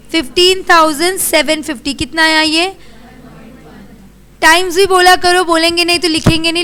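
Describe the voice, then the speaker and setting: Brisk, high-voiced Indian woman teacher. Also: sharp tone. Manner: brisk, scolding, quizzing the class. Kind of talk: classroom lecture. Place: classroom.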